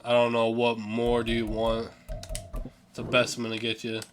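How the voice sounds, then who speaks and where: A man's voice: mid-range voice, completely flat delivery, normal speed, a little hiss or hum. A young man giving casual, offhand commentary over a sports video game, yawning and sleepy, swearing now and then and stumbling over names. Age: young adult. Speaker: gaming channel host.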